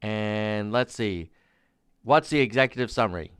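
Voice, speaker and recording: Man, sarcastic political streamer, smooth clear voice, unhurried pace, incredulous, emphatic repetition. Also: lowish voice, animated, fairly bright tone, no room sound, studio quality. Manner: emphatic, repeats key phrases. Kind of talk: live-stream political commentary, reading documents aloud.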